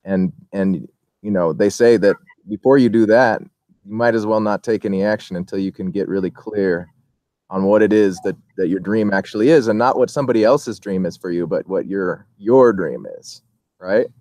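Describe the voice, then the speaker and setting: Rambling low-voiced male host, dry sound. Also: normal speed, a little mellow, no echo. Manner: rambling, with many fillers and restarts, laughs easily. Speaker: interview host. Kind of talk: casual interview.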